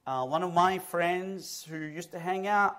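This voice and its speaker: Lively man from Egypt, slightly high voice. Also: unhurried. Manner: lively storyteller with self-mocking humor. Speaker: guest preacher. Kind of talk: personal testimony in a church interview. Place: church stage. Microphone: own stage mic.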